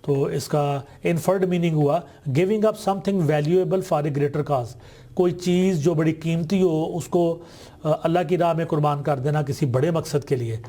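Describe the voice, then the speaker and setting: A man with a Pakistani accent teaching a textbook exercise, reading English sentences slowly and deliberately. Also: a little high, mellow.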